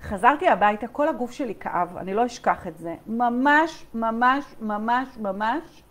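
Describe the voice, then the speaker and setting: A woman's voice: a little high, expressive, a bit bright. A woman leading a live online coaching session. She talks straight to her listeners, reads their chat replies aloud and keeps checking in with emphatic "okay?"s. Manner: repetitive, emphatic, many "okay?" check-ins.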